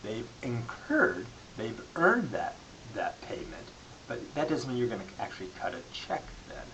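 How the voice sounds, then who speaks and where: A man giving an explanatory lecture as a college instructor, halting and restarting phrases as he goes. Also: medium pitch, sing-song. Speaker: accounting lecturer. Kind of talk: classroom-style lecture. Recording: clearly audible background hiss.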